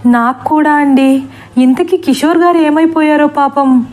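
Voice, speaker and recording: A woman's voice: a little high, steady tone, normal speed, dark tone, lightly acted. A woman voicing a frightened middle-aged male schoolteacher who talks in a trembling, urgent way. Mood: panicked.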